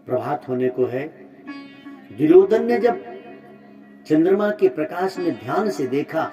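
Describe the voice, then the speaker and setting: A man's voice: fairly high pitch, animated, measured pace. Man preaching a dramatic sermon. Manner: dramatic, swings between loud exhortation and soft asides. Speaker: religious storyteller. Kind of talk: devotional sermon with storytelling. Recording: muffled distant mic with music.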